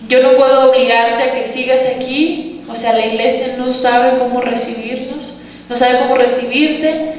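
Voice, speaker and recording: A woman's voice: high voice, steady tone, normal speed, slight background noise. A woman missionary with a Mexican accent preaching a sermon, giving an earnest testimony and addressing her congregation as brothers and sisters. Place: church sanctuary. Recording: echoey church hall from far off, faint ambience.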